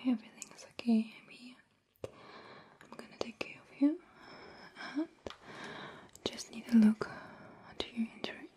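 A woman speaks almost entirely in a soft, breathy whisper, unhurried and tender. Her underlying tone sits a little high, and she lingers over each phrase as if tending to a patient. It is an ASMR caregiver roleplay, gentle throughout. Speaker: ASMR performer.

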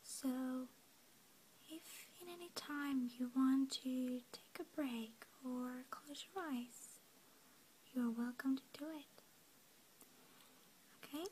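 Slow, softly whispering woman teacher. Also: high-pitched, a little hiss or hum, poor audio. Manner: soft whispering throughout; calm, gentle instructions. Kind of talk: ASMR language lesson.

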